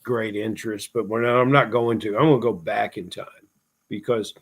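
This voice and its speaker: A man co-hosting a fantasy football podcast, asking long, drawn-out questions in casual chat. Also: on the low side, steady tone, husky, rough recording. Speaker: podcast co-host.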